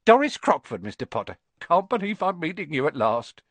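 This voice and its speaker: A man's voice: fairly high pitch, very animated, a little fast, a bit bright, no echo, pitched above the performer's own voice, heavily acted. A man voicing a flustered, starstruck woman who gushes in an audiobook. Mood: flustered delight. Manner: fluttery, gushing. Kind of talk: audiobook character acting.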